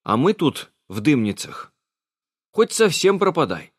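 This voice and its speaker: Man doing a stubborn village guy grumbling, lively swings, dry. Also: a little high, unhurried, slightly rough, no room sound, voice pushed up, full character voice. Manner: grumbling, sullen.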